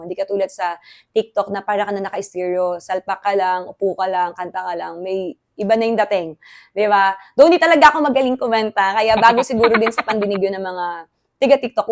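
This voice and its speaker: A Filipino woman vlogging in a casual, excitable way, chatty and quick to laugh. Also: fairly high pitch. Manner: chatty, excitable, code-switching, laughs often. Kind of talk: casual vlog chat.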